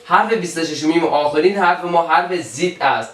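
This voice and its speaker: A man's voice: on the high side, a bit bright. Afghan Dari-speaking man teaching, roomy sound. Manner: slow, repeats each example word. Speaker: English teacher. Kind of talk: alphabet pronunciation lesson. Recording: roomy, from a distance.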